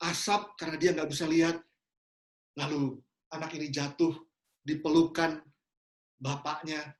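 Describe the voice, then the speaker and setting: A man preaching a sermon in an earnest way, often dropping English phrases into his talk. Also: on the high side. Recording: roomy echo.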